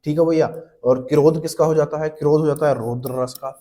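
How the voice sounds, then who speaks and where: A man's voice: on the high side, steady tone, brisk, mellow. A man teaching an exam-prep lesson, explaining step by step and answering his own questions, often calling the listeners brother.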